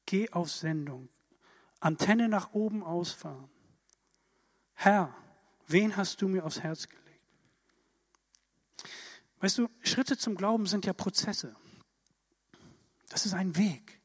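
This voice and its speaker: A man preaching a sermon in a lively, emphatic way, full of rhetorical questions. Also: high voice, takes it slowly, pauses often. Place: church hall. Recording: church hall reverb.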